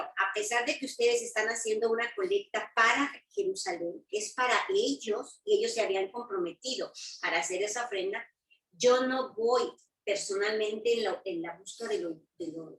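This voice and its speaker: Woman teaching a Bible study, roomy. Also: mid-range voice. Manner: explains verses, checks in with tag questions. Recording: roomy sound from a distance.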